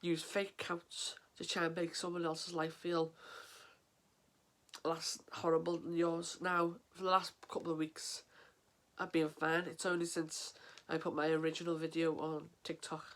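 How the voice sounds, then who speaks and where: In a casual vlog to camera, a stuffy-voiced English man with a head cold sniffles as he talks about mental health. Earnest but halting, he fills his speech with ums and restarts, never letting his flat, level pitch vary.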